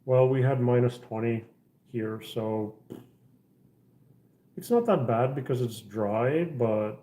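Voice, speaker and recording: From inside his house, a middle-aged Czech man chats casually with his livestream viewers in a mellow, dark, medium-pitched voice, speaking slowly. He rambles on, full of ums and restarts, and the room echoes around him.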